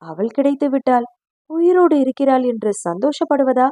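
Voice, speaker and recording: A woman narrating a novel aloud in a steady, expressive storytelling voice. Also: high-pitched, moderate pace, no room sound. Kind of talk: dramatic audiobook narration.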